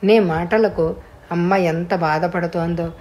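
A woman doing a gentle soothing uncle. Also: on the low side, fairly even intonation, slow pace. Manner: soft, gentle and hushed. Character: kind soothing middle-aged man, gentle uncle figure.

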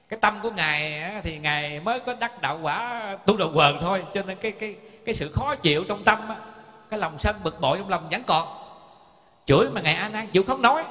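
A man's voice: high-pitched, bright, forceful tone. A male Buddhist monk gives a sermon, telling stories in a folksy way and speaking straight to his listeners. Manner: folksy storytelling, addresses the audience directly. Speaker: Buddhist monk teaching the Dharma. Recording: long hall reverb.

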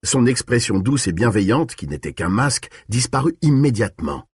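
Husky low-ish guy reading an audiobook, lively tone, bone dry sound. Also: moderate pace, dry recording. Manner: expressive, shifting pace and tone. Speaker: audiobook narrator. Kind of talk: dramatic audiobook narration.

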